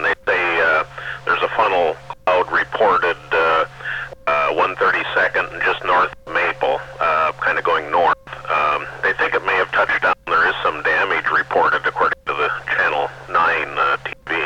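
A very deep-voiced American man reports as a storm spotter. He speaks haltingly over a dull two-way radio with clear noise. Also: steady tone. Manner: hesitant, many pauses. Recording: muffled, noisy two-way radio.

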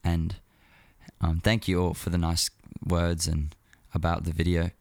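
A man with a low voice hosts a casual music show by himself. He talks informally, wandering and pausing as he thinks. The sound is dry and close, with very little room. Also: completely flat delivery, dry recording. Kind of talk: casual solo talk about music.

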